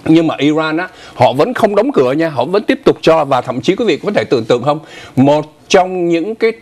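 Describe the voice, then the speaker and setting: On a casual morning news program, an older male co-host explains stories at a normal pace, his pitch swinging lively up and down. He keeps things chatty and conversational, stopping for asides, with clean sound from a lapel mic in the TV studio.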